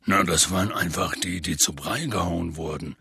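A huge, rough-spoken half-giant with a very deep, gravelly, husky rasp and a sharp edge to it. He tells his tale in a folksy way, peppered with curses, in a dry, close recording for an audiobook. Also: normal speed, no room sound, exaggerated voice. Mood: gruff storytelling. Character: huge gruff half-giant gamekeeper, rough and warm-hearted. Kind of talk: audiobook character voice.

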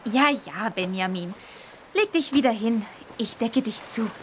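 A woman's voice: a little high, expressive, measured pace, a little hiss or hum. A woman playing a sensible, caring young female friend in a children's audio drama, motherly and no-nonsense. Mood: soothing.

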